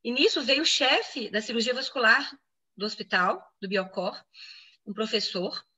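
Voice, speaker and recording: A woman's voice: on the high side, measured pace, breathy edge. A woman physician in an interview, explaining a medical case and acting out what others said. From Brazil. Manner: explanatory, quoting others in lively reenactment. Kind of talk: interview answers, personal medical account.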